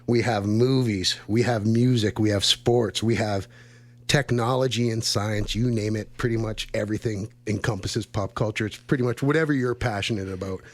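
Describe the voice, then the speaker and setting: A man's voice: fairly low pitch, steady tone, normal speed. A young man from Canada hosting a casual campus radio show, a little out of breath, chatty and rambling with fillers and frequent laughs, on a studio mic.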